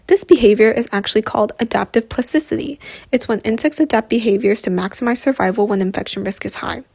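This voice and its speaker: A woman's voice: a little high, fast, creaky, a little mellow, husky, dry recording, studio quality. A woman co-presenting with scripted, expository educational narration.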